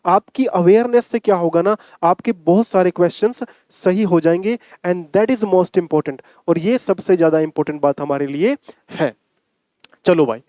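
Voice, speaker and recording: A man teaching English grammar for exams, coaxing students and checking "ठीक है?" often, reading his English examples slowly. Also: sits high, dark tone, dry recording. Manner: coaxing, repeats points, asks 'ठीक है?' often; slow drawn-out English example sentences. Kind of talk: exam-prep grammar lesson in Hindi with English.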